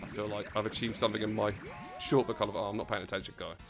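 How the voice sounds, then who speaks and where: Brief: male gamer, low-pitched, rambling excitable stream chatter over game music, close mic. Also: rapid-fire. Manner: excitable, rambling, swears casually. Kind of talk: casual livestream commentary while playing. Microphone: close desk mic. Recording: game music playing behind.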